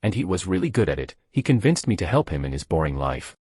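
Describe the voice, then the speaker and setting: Dude voicing a cocky superhuman guy, sarcastic and blunt, super deep voice swinging all over. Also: sing-song, fast, darkish tone, slightly rough, dry recording, studio quality, full character voice. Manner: mocking, then blunt and cutting. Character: sarcastic, provocative superhuman man, tall and blunt.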